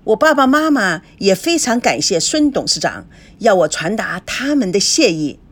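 A woman's voice: mid-range voice, big pitch swings, moderate pace, pitched above the performer's own voice. A woman voicing an eager, fawning young man who is overly polite.

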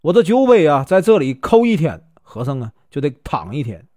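A man's voice: fairly high pitch, very animated, a little fast, warm tone, no room sound. Man doing proud hot-tempered Taoist priest, indignant, threatening, Northeastern Chinese accent, dry audio.

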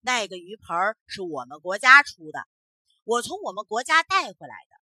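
A woman voicing an arrogant, stubborn foreign man in a storybook tale, speaking loudly and insistently. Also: mid-range voice, big pitch swings, normal speed, breathy edge, no echo, exaggerated voice. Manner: loud, insistent.

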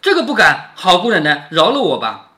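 A man's voice: high-pitched, big pitch swings, brisk, bright, forceful tone, full character voice. A man reading aloud voices a humble but shrewd old countrywoman, pleading and marveling in turn.

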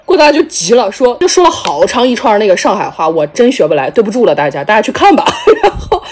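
Lively woman podcast host retelling a skit. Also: medium pitch, fast talker, background noise. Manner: animated, laughs often, acts out the skit's lines. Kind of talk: casual chat retelling a comedy skit.

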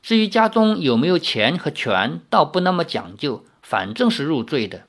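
A man's voice: a little high, big pitch swings, moderate pace, fairly bright tone, full character voice. A man voicing a sweet, playful young woman who is devoted and fierce underneath, with a lilting, teasing delivery in an audiobook reading.

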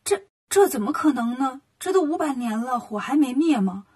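A woman voicing a brash, hot-tempered monkey king in a storybook, quick and indignant. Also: sits high, animated, warm tone, slightly rough, distant mic.

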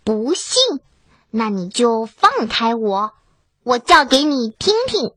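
A woman voicing a clever, calm little duckling in a children's storybook, speaking earnestly and coaxingly. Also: high voice, takes it slowly, dry recording, pitched below the performer's own voice, heavily acted. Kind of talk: storybook reading.

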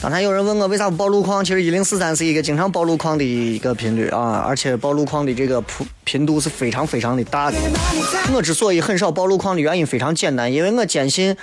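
A man's voice: a little high, quick pace, over music. A man with a Shaanxi accent hosting a radio show in casual, colloquial chat, opinionated and emphatic as he reads out and answers listener messages.

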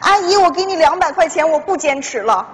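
A woman's voice: extremely high pitch, lively intonation, fairly quick. An actress in her twenties playing a fretful young woman just out of college in a stage comedy sketch, pleading and whiny. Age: 20s. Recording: stage hall with faint noise.

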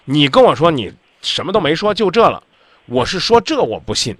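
A man's voice: fairly high pitch, big pitch swings, brisk, a bit bright, dry recording. A man hosting a radio call-in advice show, talking bluntly and insistently, lecturing the caller.

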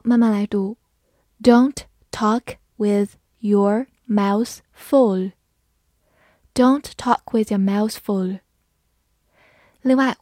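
A woman gives an English vocabulary lesson in a slightly high, mellow voice. She takes her time, spelling each word out letter by letter and reading the example sentences slowly. The sound is close and dry, with no room around it. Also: no echo. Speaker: English teacher.

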